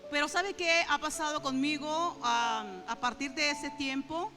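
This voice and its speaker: A woman's voice: high-pitched, measured pace. A middle-aged woman preaching an earnest, conversational sermon in church, speaking straight to the congregation and slipping into fervent prayer. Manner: earnest, addresses the congregation directly; emotional, breaks into fervent prayer. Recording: reverberant church hall with faint instrumental music.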